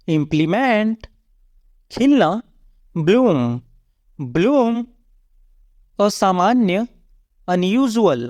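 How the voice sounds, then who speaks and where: Very slow, dry word-list reading voice. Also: mid-range voice, dry recording. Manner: measured, even recitation of word and meaning. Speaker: vocabulary teacher. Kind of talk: slow word-list drill, each word read twice.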